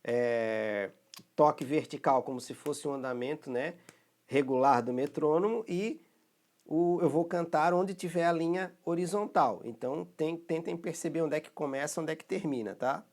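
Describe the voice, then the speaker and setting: Patient Brazilian music teacher, fairly high voice. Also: male voice, normal speed, a little mellow. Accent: Brazilian Portuguese. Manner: patient, explanatory, with frequent checking tags. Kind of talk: recorded rhythm lesson.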